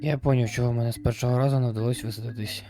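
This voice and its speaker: A man with a cold-roughened voice giving casual let's-play commentary, thinking aloud and chatting as he plays, with the odd mild swear. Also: medium pitch, fairly even intonation, very fast, a crowd in the background. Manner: thinks aloud while clicking, chatty, mildly profane. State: hoarse from a cold. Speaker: gaming YouTuber. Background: background music.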